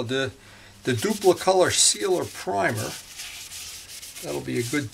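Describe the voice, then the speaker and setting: A man's voice: mid-range voice, gravelly, fairly bright tone, slight background noise. A man chatting casually through a motorcycle DIY project in his garage, rambling with jokey asides. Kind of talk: casual workshop vlog.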